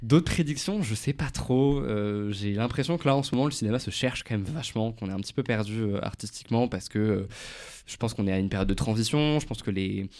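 A fairly low male voice rushing through his thoughts as a radio guest. He talks quickly, circling back and hunting for the right word before pressing on, in a studio setting. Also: darkish tone. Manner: fast, searching for words, thinking aloud. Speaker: short-film director, guest. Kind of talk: casual radio interview.

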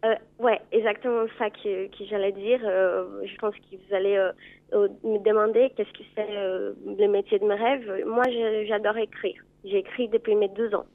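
A Brazilian woman in her twenties, a native Portuguese speaker with a Brazilian accent, calling in to a radio talk show and speaking hesitantly with many filler pauses. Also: medium pitch, little pitch movement. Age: 20s. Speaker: caller. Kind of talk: radio call-in chat. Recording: tinny phone line.

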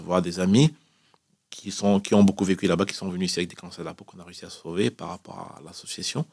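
On a studio-quality recording with no room sound, a forties-aged Cameroonian man in a low voice recounts his own life spontaneously as a radio interview guest, in a conversational, repetitive manner.

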